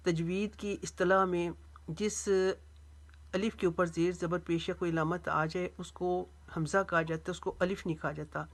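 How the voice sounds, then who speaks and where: Slow-reciting woman with a low voice. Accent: Urdu. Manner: slow, drawn-out recitation of each word, then brisk explanation. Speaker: Quran recitation teacher. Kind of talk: step-by-step recitation lesson.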